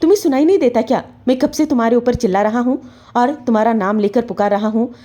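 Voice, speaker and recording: A woman voicing an angry, domineering husband who shouts harsh scolding words. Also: medium pitch, fairly quick, close to an everyday voice.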